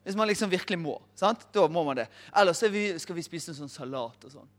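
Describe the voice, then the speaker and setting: A man in his thirties preaching, telling a funny personal story in an animated, self-mocking way. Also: fairly high pitch. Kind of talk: storytelling sermon.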